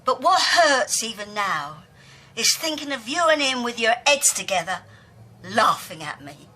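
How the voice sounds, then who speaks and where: An actress playing a proud, stubborn older woman, scornful and sharp in a television soap drama. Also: a little high, very animated, unhurried, full character voice. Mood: wounded. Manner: sharp and scornful, turning bitter and hushed. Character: proud older female pub landlady, fiery and stubborn.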